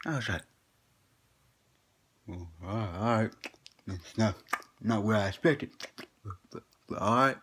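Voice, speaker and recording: In a comedic character monologue, a skit performer plays a boastful old grandpa spinning tall tales in a folksy, slangy drawl, chuckling between lines. His voice is lowish and close to everyday speech, with a measured pace and frequent pauses over a noisy background.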